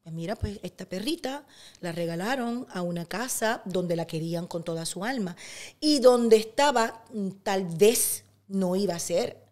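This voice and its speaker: A middle-aged woman with a Cuban accent, a guest in an interview, telling personal stories in a lively way. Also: medium pitch, moderate pace. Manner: animated storyteller who acts out quotes. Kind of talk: casual interview storytelling.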